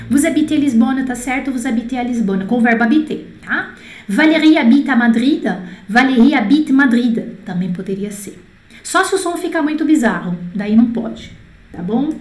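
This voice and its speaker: A woman teaching French in a live lesson, chatting, reading out student answers and slowing down to model pronunciation. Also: high voice, roomy sound, slight background noise. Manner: chatty, reads out student answers and corrects them. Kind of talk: live online language lesson.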